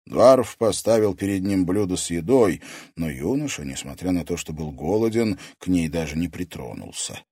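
A man narrating a fantasy audiobook with expressive storytelling. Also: low voice, moderate pace, husky, no echo, clean studio sound. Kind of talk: scripted narration.

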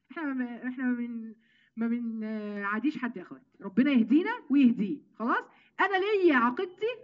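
An Egyptian woman giving a lively Quran commentary lesson, talking conversationally and tossing rhetorical questions to her listeners. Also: high voice, lo-fi sound. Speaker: religious teacher.

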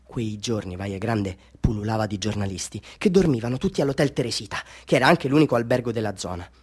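In a theatrical radio drama monologue, an actor plays a bitter, half-mad village man telling his tale, swinging between hushed confiding and fervent declaiming. Here his voice is fairly low, quick, and slightly rough, with an intent, recounting mood.

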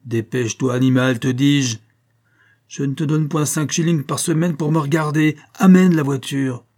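A man reading an audiobook, voicing a contemptuous, hot-tempered young male horse trainer who shouts insults at his servant. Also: on the high side, fairly even intonation, moderate pace, voice pushed up, natural voice. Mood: furious. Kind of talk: audiobook character voice.

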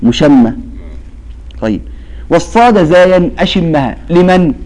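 A man with a somewhat high-pitched voice and an Egyptian accent teaches a classroom lesson on Quran recitation. He talks in a call-and-response way, leaving questions hanging for his students to finish. When he recites a verse, he stretches it out slowly. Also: expressive, a little mellow, poor audio. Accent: Egyptian Arabic. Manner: quizzes students with fill-in-the-blank questions; slow, drawn-out recitation of verses.

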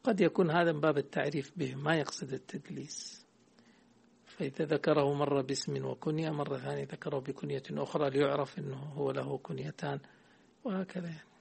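A man's voice: a little high, fairly even intonation, fast, gravelly, slightly rough. A man teaching a hadith text in class, quizzing his student and correcting the readings.

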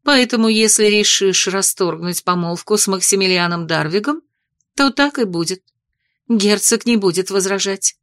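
A woman voicing a stern, gentle noble mother. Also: medium pitch, dry recording, studio quality, natural voice. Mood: tender. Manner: measured, formal, reproving. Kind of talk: audiobook character voice.

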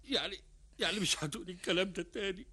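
A pleading Egyptian husband. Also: male voice, sits high, rapid-fire, bright, forceful tone, slightly rough, exaggerated voice. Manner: pleading, eager, talks over his wife. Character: devoted pleading husband Shamis, rich. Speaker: husband in radio drama. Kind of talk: classic Egyptian radio drama acting.

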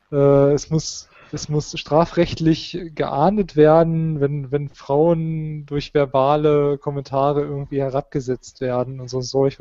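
Flat-toned man rambling sarcastically. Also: a little high, dry recording. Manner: rambling, sarcastic, many fillers. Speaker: podcast co-host. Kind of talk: casual talk show chat. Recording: dull lo-fi sound.

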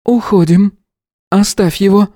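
A man doing a commanding yet gentle woman leader. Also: high-pitched, steady tone, a little slow, no room sound, clean studio sound, pitched above the performer's own voice. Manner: authoritative and soft at once.

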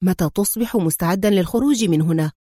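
A woman reading a storybook, voicing a stern male spy hero who speaks low, calm and curt. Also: fast, no room sound, clean studio sound, natural voice. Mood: cold.

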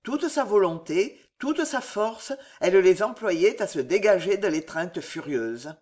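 A man narrating a classic novel in a slow, dramatic reading. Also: high-pitched, animated, a little mellow. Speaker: audiobook narrator. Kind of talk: literary audiobook reading.

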